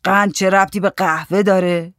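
Grumpy old grandpa yelling from bed in a storybook, man reading him, dry close sound. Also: high voice, steady tone, clean tone, dry recording. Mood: irritable. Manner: shouting, irritable.

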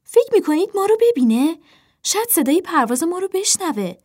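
A woman voicing a grumpy, impatient young crow sister who turns shrill when excited.

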